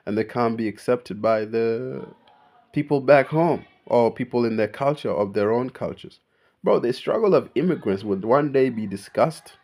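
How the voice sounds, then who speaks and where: A man's voice: medium pitch, a little mellow. Emphatic slangy young man. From born in Kenya, raised in Australia. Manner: slangy, emphatic, keeps saying bro. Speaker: vlogger. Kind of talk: unscripted casual monologue.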